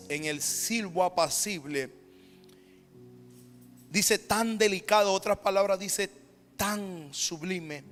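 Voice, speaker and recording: A man with a Panamanian Spanish accent preaching a sermon as pastor, swinging from loud, emphatic declarations down to hushed near-whispers. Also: sits high. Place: church sanctuary. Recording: reverberant church hall with background music.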